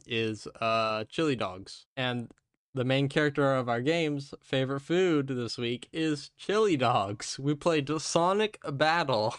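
A man hosting a casual gaming podcast, talking in a rambling, halting way with his speech muffled by gauze in his mouth. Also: medium pitch, smooth, no room sound, studio quality. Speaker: podcast host.

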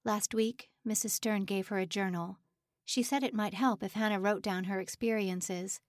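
A woman narrating an audiobook in a steady, measured storytelling voice. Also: mid-range voice, dry recording, clean studio sound.

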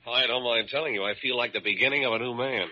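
A man's voice: mid-range voice, quick pace, sharp tone, slight background noise. A man playing a hearty, grateful recovering patient in a 1940s-style radio drama. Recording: muffled old radio broadcast recording.

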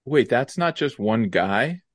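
A man's voice: medium pitch, expressive, dry recording. Young podcast guy ribbing his cohost, bouncy up and down voice, dry close mic. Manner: teasing, quick interjections. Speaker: podcast co-host. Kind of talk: casual chat.

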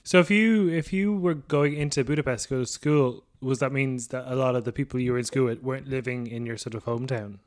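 Man, podcast host, mid-pitched voice, friendly, loose questions with fillers. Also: quick pace, hardly any pauses, no room sound, clean studio sound. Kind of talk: scripted intro and interview questions.

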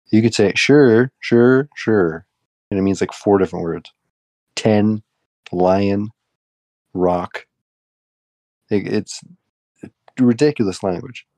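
A young man co-hosts a podcast in a relaxed chat, offering dry, offhand and blunt opinions. His voice is fairly low with a darkish tone, and there's no echo.

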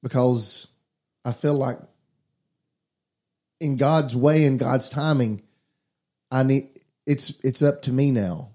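A man's voice: medium pitch, slow, long pauses, mellow. A man, a pastor, talking earnestly about faith in a casual conversation, preaching as he goes. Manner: earnest, preachy, addresses listeners as guys.

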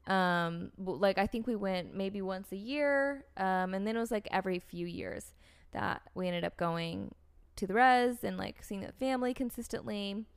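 In a clean, mid-range voice, a young American woman recounts something that happened to her during a relaxed chat. Her telling wanders, full of "like" and "um," and she keeps starting her sentences over.

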